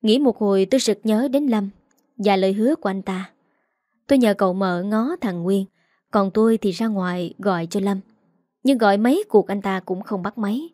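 A woman narrating a first-person story in a steady, earnest reading voice. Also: mid-range voice, no echo, clean studio sound.

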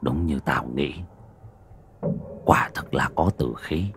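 A man voicing a grave old village elder who speaks low and muttering, in a storytelling reading. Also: takes it slowly, a little hiss or hum, full character voice. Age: older.

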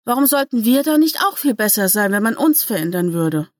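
A cheeky, grinning young lad who likes to philosophize, as a woman reads him, in a dry, close voice with a lifted pitch. He sounds playful and a bit smug in a story reading. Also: very animated, brisk, no room sound, close to an everyday voice. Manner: cheeky, musing. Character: cheeky, grinning young male gang member.

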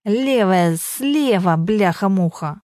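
A woman voicing a gruff man who shouts and swears while teaching someone to drive, in an audiobook. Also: mid-range voice, expressive, slow, dry recording, studio quality. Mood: exasperated shouting.

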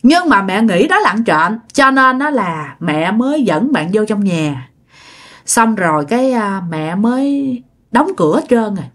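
A woman's voice: medium pitch, sing-song, unhurried. A woman with a Southern Vietnamese accent, chattily retelling a listener's ghost story and repeating words for effect.

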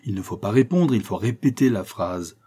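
A man voicing an excitable, scheming middle-aged factory owner who exclaims and boasts in a storybook reading. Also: on the low side, moderate pace, husky. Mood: coaxing, eager. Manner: exclamatory, triumphant, declaiming.

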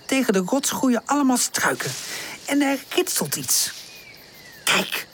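A woman narrating a children's audiobook in an expressive storytelling manner. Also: high voice, normal speed, slight background noise.

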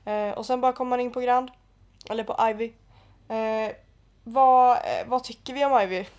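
A young woman co-hosting a podcast, chatting casually and telling stories with lively quoted dialogue. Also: a little high, clear, resonant tone. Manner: animated storytelling, acting out quotes. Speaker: podcast co-host. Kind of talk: casual chat.

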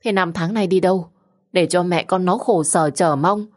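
A woman voicing a fussy middle-aged aunt who scolds in a shrill, rapid voice. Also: a little mellow, close to an everyday voice. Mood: scolding.

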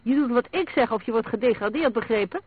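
A man's voice: high voice, fairly even intonation, quick pace, breathy edge, no room sound. A man voicing an angry, defiant arrested man who bellows his protests. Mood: furious. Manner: bellowing, raised voice. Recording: narrow phone-like sound.

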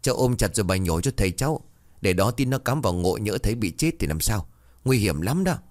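A man's voice: fairly low pitch, lively intonation, brisk, no echo, natural voice. A man voicing a cheeky young male apprentice who talks urgently. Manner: urgent, pleading.

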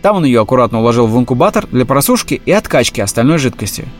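A man reading a humorous animal story aloud in a steady, even storytelling voice. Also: medium pitch, rapid-fire, soft background music. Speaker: audiobook reader. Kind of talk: scripted storybook narration.

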